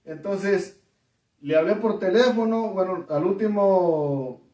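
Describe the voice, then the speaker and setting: A man with a somewhat high voice delivers an emphatic testimony sermon, stumbling over fillers and repeated words. He stands away from the microphone, and his voice rings in an echoey room. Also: takes it slowly, warm tone, far from the mic. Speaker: preacher.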